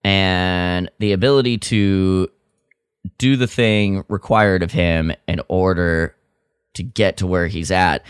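His deep, smooth voice stays fairly even in intonation and slow, heard in a dry recording with clean studio sound. As a podcast co-host in a casual review chat, he comes across as exasperated and critical, tossing in mock quotes.

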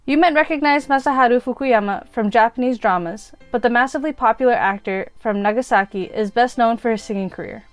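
A woman's voice: on the high side, brisk, few pauses. A woman presenting a scripted top ten music countdown as the show's host. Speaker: podcast host.

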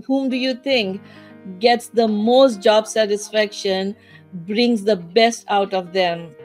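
A woman's voice: medium pitch, a little mellow. Woman hosting a weekly online talk. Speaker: host.

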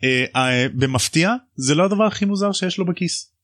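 A man hosting a podcast, casually retelling a book chapter in a jokey, animated way and acting out the voices. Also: fairly high pitch, dry recording, clean studio sound. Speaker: podcast host.

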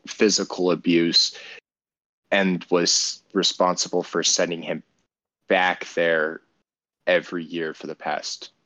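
A man's voice: deep voice, level tone, takes it slowly, bright, forceful tone, no echo. A man co-hosting a casual podcast, retelling a story in a profane, rambling way with many restarts. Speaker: podcast co-host.

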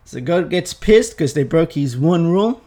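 A man's voice: on the high side, lively intonation, moderate pace, dark tone, faint music behind. A young man casually retelling a story to his viewers in an irreverent, profane, chatty way. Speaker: vlogger.

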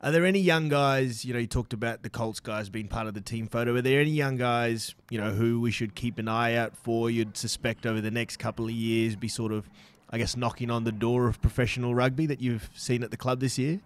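A man's voice: medium pitch, fairly even intonation, brisk, few pauses, clear, resonant tone. An Australian man co-hosting a podcast, putting casual questions to a guest. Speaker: podcast co-host. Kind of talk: casual interviewing.

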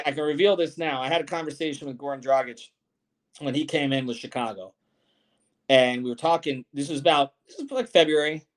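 A man in his forties hosting a sports podcast. He reads viewer comments and speaks bluntly and emphatically, with some swearing. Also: medium pitch. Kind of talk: live-streamed sports podcast chat.

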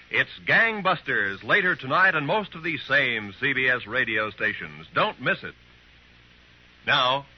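Old radio serial announcer guy, highish voice, super animated, muffled vintage sound. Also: breathy edge. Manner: dramatic, emphatic delivery.

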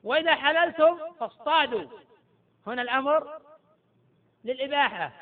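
A man's voice: very high-pitched, lively intonation, normal speed. A middle-aged man teaching Islamic jurisprudence as a sheikh, quizzing his students and repeating key points. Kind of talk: classroom lecture with questions to students. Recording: tinny phone-like lecture recording.

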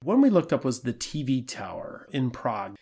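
A man's voice: medium pitch, normal speed, breathy edge. Laid back guy cohosting a travel podcast, easygoing chatty delivery. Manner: relaxed, easygoing, laughs at himself. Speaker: podcast co-host. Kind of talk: casual travel podcast chat.

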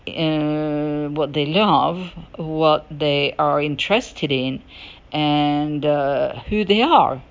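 In dull, lo-fi audio, a low-voiced woman podcast host talks slowly through an unplanned personal monologue. She hesitates often, her speech halting and broken by pauses.

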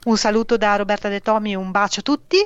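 A woman's voice: medium pitch, steady tone, fast, clear, resonant tone, dry recording, highs cut off. A woman author, a podcast guest, chatting cheerfully about where to find her. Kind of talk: podcast interview.

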